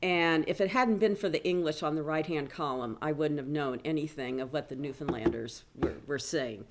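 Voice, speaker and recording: Walking through her slides in a conference room, a low-voiced woman who teaches business speaks at an academic conference. She keeps it conversational and sprinkles in self-deprecating remarks.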